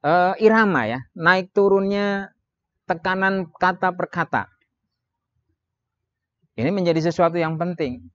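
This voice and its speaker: A man giving a training lecture on public speaking, with lively delivery that jumps into sudden emphatic rises and slows into drawn-out demonstration phrases. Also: sits high, no room sound, highs cut off. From Indonesia. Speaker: Islamic preaching trainer.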